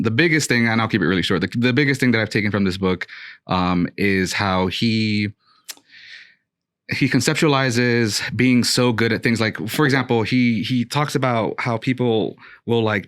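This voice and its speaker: A man in his thirties from Brooklyn co-hosting a podcast, with a low voice and an easygoing, meandering way of talking. The sound is dry and close, with no room around it. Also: dry recording. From Brooklyn, New York. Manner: relaxed, rambling with many fillers. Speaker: podcast co-host. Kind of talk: casual chat.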